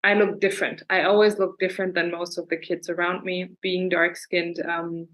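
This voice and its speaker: A young woman raised in Germany, answering interview questions in a thoughtful, measured and friendly way over a video call. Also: on the low side, level tone, fairly bright tone, poor audio. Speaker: guest, fencer.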